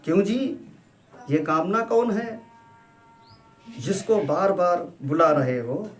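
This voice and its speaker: A man voicing a sharp-tongued but loving middle-aged wife who scolds and teases, in a storybook reading. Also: a little high. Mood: scolding. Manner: scolding, teasing, brisk.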